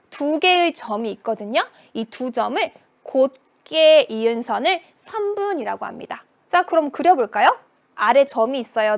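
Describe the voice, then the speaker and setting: A woman's voice: sits high, a bit bright. A woman teaching a children's math lesson, asking questions and answering them in a playful voice. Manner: sing-song, questions and answers to herself.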